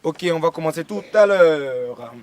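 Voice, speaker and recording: An actor voices a male village radio quiz host with a Burkinabè French accent, announcing questions and repeatedly bursting into laughter. His voice is a little high and animated, at a measured pace, with background noise.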